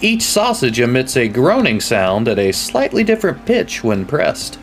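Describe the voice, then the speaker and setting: A man's voice: medium pitch, huge pitch swings, moderate pace, soft background music. A man narrating a tabletop role-playing game as game master in a casual style.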